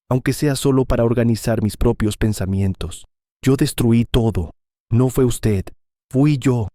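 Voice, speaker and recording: A man reading as a grown son full of regret, his low, dark, mellow voice moving slowly and heavily through a confession to his mother. The sound is dry and close, like a storybook read straight into the mic. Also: no echo, natural voice. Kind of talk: scripted audio-story reading.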